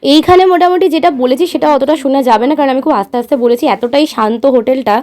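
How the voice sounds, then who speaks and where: Bengali lady vlogger voice-over, high voice, talks fast, lots of "ah"s, explaining how to book. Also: a little mellow. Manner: instructive, addresses viewers directly, many filler "ah"s. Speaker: travel vlogger. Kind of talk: voice-over explaining online booking.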